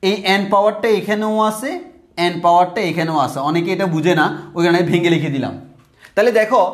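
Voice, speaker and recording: A man tutors math at a whiteboard in a fairly high voice. He calls his students brother, says phrases twice and slows right down on each formula. The room around him is echoey. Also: fairly bright tone. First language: Bengali.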